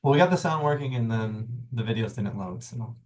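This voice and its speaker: A man hosting sessions over a video call, relaxed and joking. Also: medium pitch, fairly quick. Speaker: session host.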